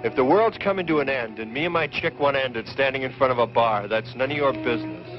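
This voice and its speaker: An actor playing a defiant young hipster, mocking and slangy, in a muffled 1960s B-movie. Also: male voice, mid-range voice, fairly quick, over loud music, close to an everyday voice. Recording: muffled old film soundtrack.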